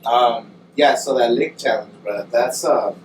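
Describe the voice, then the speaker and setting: A man's voice: mid-range voice, unhurried. A man in casual, slangy, sweary conversation as a co-host, feeling the burn of spicy food. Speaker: podcast co-host. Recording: distant mic, echoey noisy room.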